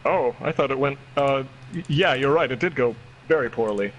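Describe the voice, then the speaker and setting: A man's voice: mid-range voice, moderate pace, a little hiss or hum, lightly acted, poor audio. A man playing a reformed evil wizard in a tabletop game, making breezy small talk. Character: reformed evil old wizard, chatty and mellow. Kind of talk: tabletop game role-play.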